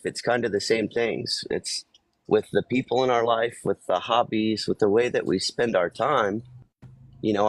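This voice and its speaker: A man with a fairly low voice, recorded dry, co-hosts a live talk show. He speaks casually in a plain, reflective way, like someone sharing everyday experience. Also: dry recording. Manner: plainspoken, reflective, explains through everyday anecdotes. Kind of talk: casual conversation.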